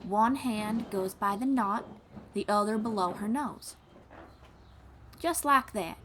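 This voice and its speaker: Here a woman of medium pitch takes things slowly, with slight background noise. She's roleplaying a kind young bard in audio form, patiently teaching the listener in a folksy, encouraging manner.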